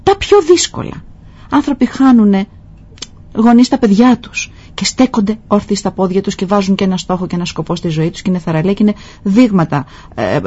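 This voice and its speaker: A woman hosting a talk show, speaking softly and telling stories with pauses and fillers. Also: medium pitch, breathy edge. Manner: soft-spoken, storytelling with pauses and fillers. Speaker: host. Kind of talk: reflective talk-show conversation. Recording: dull lo-fi sound.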